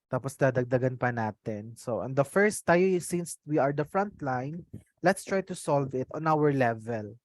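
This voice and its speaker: Online course trainer, Filipino accent, native Tagalog, medium pitch, Tagalog-English code-switching, interactive teaching with tag questions. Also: animated, moderate pace, darkish tone, dry recording, clean studio sound. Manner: mixes Tagalog and English mid-sentence; frequent tag questions checking on listeners. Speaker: trainer leading an online customer service course.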